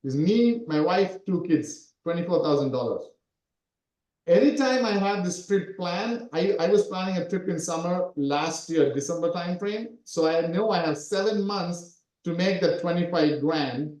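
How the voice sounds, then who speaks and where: A man in his forties, raised in Sri Lanka, talks in a high but mellow voice, coaching and again and again asking "right?" to check that people follow. The sound has a roomy echo, as if it was taken on a call in an untreated room. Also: moderate pace. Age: 40s. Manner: repetitive, keeps asking "right?". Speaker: SEO coach. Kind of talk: coaching talk in an interview.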